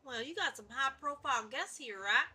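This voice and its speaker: A woman's voice: sits high, expressive, moderate pace, pushed and bright, slight background noise. A woman streaming a video game, chatting playfully and swearing casually while she reads along.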